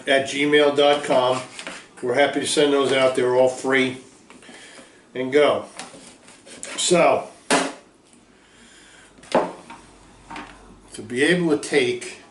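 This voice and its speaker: A man running a cooking demonstration in his kitchen, talking in a folksy, upbeat pitchman way. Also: echoey room, slight background noise. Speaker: small food business owner.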